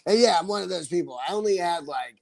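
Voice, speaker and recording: A man's voice: high-pitched, expressive, quick pace, vocal fry, darkish tone, no echo. A man in his forties chatting casually on his livestream, rambling, laughing often and swearing freely. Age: 40s. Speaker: livestream host.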